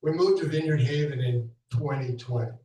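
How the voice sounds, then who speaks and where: At a memorial held in a school hall, a man with a medium-pitched, dark-toned voice tells chatty, laugh-filled stories in an unscripted tribute at a moderate pace. The recording carries a little hiss or hum, plus echo from the hall and a far-off mic.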